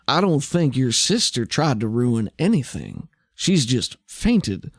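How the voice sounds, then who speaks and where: A man's voice: mid-range voice, very animated, slow pace, husky, no echo, clean studio sound, exaggerated voice. A man voicing an earnest young man who is smitten and protective, polite at first and exasperated when pushed. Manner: pleading, rising to exasperated shouts.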